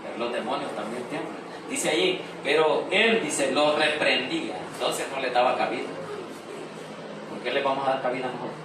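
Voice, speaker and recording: A man preaching at a Bible study, reading scripture slowly and loudly, then explaining it with questions to the group. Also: medium pitch, fairly even intonation. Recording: echoey room, mic far off, noisy.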